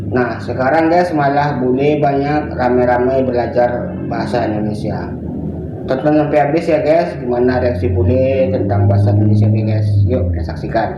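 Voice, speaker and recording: A man's voice: mid-range voice, dull audio. A man hosting a vlog channel, chatty and casual, talking to his viewers and calling them "guys". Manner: chatty, keeps saying "guys". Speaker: channel host. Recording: echoey room with loud background noise.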